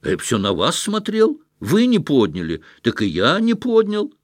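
A man's voice: a little high, wildly swooping pitch, measured pace, no echo, studio quality, pitched above the performer's own voice, heavily acted. A man voicing an earnest, literal young schoolboy who talks in a plaintive, pedantic way.

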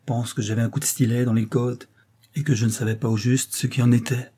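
Man voicing a distraught young engineer, pained, dark tone, husky. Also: medium pitch, little pitch movement, brisk, lightly acted. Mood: pleading. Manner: pained, shaken delivery.

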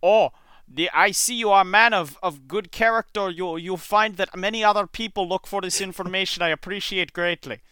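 Man doing a put-on Indian English spam commenter: high, loud, fawning, broken English. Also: steady tone, moderate pace, smooth, dry recording. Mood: flattering. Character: overly polite male blog spam commenter.

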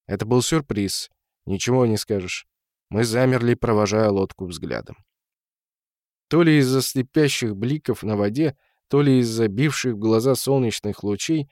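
A man narrating a story as an audiobook reader, in a measured storytelling manner. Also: medium pitch, a little mellow, no echo, studio quality. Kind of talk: audiobook reading.

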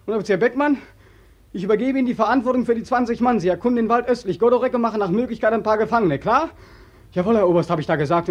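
An actor playing a bitter, sleepless young soldier back from war, in 1940s radio drama style, speaking intensely and accusingly with a husky voice. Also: male voice, sits high, highs cut off. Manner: intense, accusing, swings from hushed to loud. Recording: old radio drama recording.

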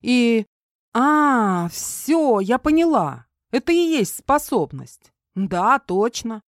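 A woman reading an audiobook, voicing a jumpy, sharp-tongued young woman who gabbles fast and snaps back. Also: a little high, very animated, dry recording, clean studio sound, voice pushed up. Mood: snappy. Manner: rapid, flustered, snapping.

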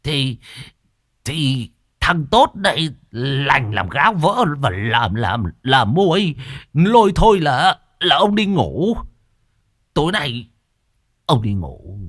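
A man playing a henpecked drunk old boatman who slurs his words slowly. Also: a little high, wildly swooping pitch, a bit bright, breathy edge, no echo, clean studio sound, voice pushed up, exaggerated voice. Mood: drunken bluster. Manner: slurred, slow, drunken bluster.

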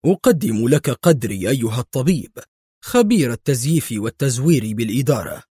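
A man reading a calm spy chief. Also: mid-range voice, brisk, slightly rough, dry recording, studio quality. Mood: composed. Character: calm senior male intelligence director.

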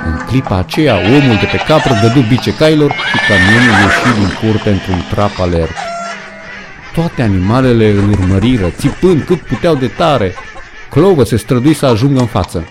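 A man's voice: lowish voice, animated, over music. A man reading a novel aloud as an audiobook narrator, with dramatic storytelling. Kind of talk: scripted narration.

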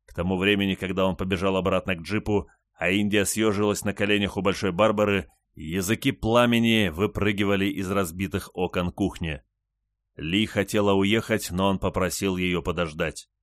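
A man reading an audiobook in an even, measured narration. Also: low voice, dry recording, clean studio sound. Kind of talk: scripted narration.

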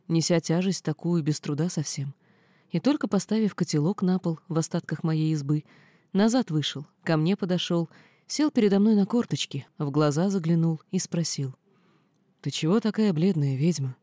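A woman narrating a first-person storybook tale in an expressive, folksy way. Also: lowish voice, moderate pace, dry recording. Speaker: audiobook narrator.

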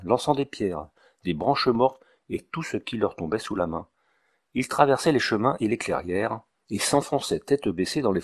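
A man narrating an audiobook of a classic novel in a measured, literary storytelling way. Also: fairly low pitch.

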